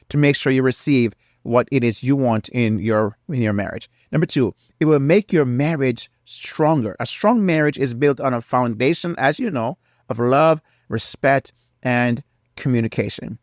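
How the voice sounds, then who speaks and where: A middle-aged man hosts a faith-based marriage podcast, sounding earnest and preacherly and repeating key phrases for emphasis. His mid-range voice is nasal from a cold, recorded with studio quality and no echo.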